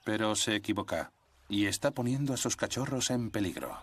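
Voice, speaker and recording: A man's voice: on the low side, fairly quick, a little hiss or hum. A man delivering scripted nature documentary narration. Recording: narration over background music.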